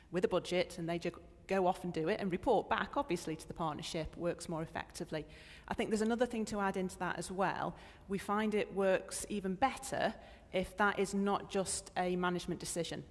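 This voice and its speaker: Low-voiced woman advising on a panel. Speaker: panelist, legal technology adviser. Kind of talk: panel discussion. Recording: reverberant conference hall.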